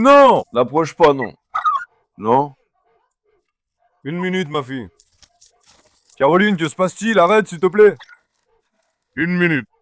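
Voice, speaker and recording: A man's voice: a little high, fairly bright tone, dry recording. Man vlogging on a farm, coaxing his dogs. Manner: coaxing, calls dogs repeatedly. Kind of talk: casual vlog talk to camera. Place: outdoors on a farm with animals.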